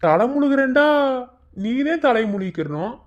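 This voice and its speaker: A woman's voice: medium pitch, expressive, fast, lo-fi sound, close to an everyday voice. A woman voicing a pushy, curious young village woman in a cartoon, with a Madurai Tamil accent. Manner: pushy, exclaiming. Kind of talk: cartoon voice acting.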